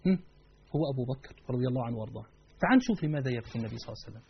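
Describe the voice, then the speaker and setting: Egyptian male preacher, husky and quick, emphatic lecture style, dull lo-fi recording. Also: mid-range voice, animated. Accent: Egyptian Arabic. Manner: emphatic, poses rhetorical questions to the audience. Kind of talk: religious lesson.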